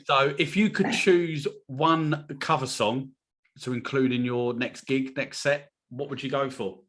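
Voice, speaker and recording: A man runs a casual podcast chat at an ordinary pitch. He jokes with his guests and laughs a lot, filling pauses with relaxed ums as he moves between questions. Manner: laughs often, friendly banter with fillers. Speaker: podcast host.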